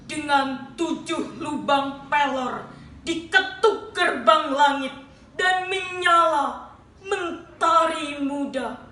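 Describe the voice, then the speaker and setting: A woman reciting a poem slowly and dramatically, drawing out each phrase. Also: high-pitched, pushed and bright. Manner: slow, dramatic, drawn-out. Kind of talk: poetry recitation. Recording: roomy, distant mic with faint ambient noise.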